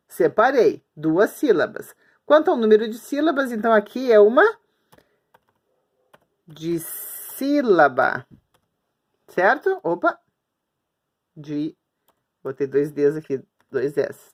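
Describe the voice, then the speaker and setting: A woman teacher records a lesson for young children at her screen, talking while she writes things up. She is patient and repeats herself a lot, drawing words out slowly syllable by syllable. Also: medium pitch, darkish tone. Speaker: schoolteacher. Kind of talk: remote grammar lesson for children. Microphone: recording at a screen, writing on the board while talking.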